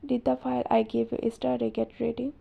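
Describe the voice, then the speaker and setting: A woman voicing a cold, possessive young husband, low and curt, on a dull lo-fi recording. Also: little pitch movement, brisk, gravelly.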